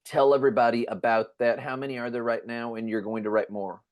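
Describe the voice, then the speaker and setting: A man's voice: mid-range voice, level tone, quick pace, highs cut off. A man hosting a podcast, chatting casually and rambling with eager restarts. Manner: rambling, restarts, enthusiastic fan talk. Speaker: podcast host. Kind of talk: casual chat.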